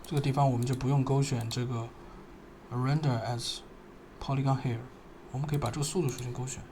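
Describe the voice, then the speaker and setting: A man narrating a screen-recorded software tutorial, thinking aloud and pausing as he works. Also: mid-range voice, fairly even intonation, slight background noise. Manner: thinking aloud, halting, pausing while working.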